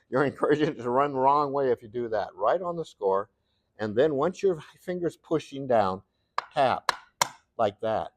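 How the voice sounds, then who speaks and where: A man's voice: medium pitch, no echo. Folksy man demonstrating glass cutting. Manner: folksy, rambling, thinks aloud while working. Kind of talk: live hands-on demonstration. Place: glass studio workshop.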